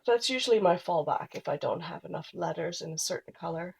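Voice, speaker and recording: In a rough recording, a woman in her thirties talks briskly in a fairly low voice with vocal fry and a breathy edge, sounding nasal from a cold. She's a scrapbooking vlogger chatting casually through a craft tutorial, trailing off as she works.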